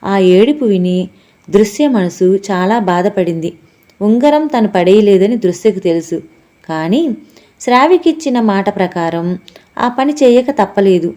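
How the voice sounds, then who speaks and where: A woman narrating a family audiobook story in a steady, expressive storytelling manner. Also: mid-range voice, a little slow. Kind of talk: scripted narration.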